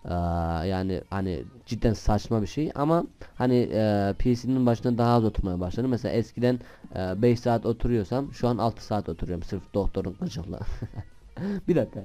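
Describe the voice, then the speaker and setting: A man's voice: on the low side, animated, brisk. A young man hosting a gaming channel, chatting casually and rambling while he plays. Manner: chatty and rambling, bursts into shouted swearing at other players. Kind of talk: casual gameplay commentary.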